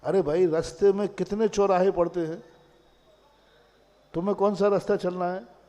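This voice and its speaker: A man, a Jain monk, preaching with a somewhat high but mellow voice. He tells a story and keeps asking rhetorical questions. A long hall reverb trails every phrase. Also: fairly even intonation, moderate pace. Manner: storytelling, rhetorical questions, voices his own mind in dialogue. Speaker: Jain monk giving a discourse. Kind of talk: sermon.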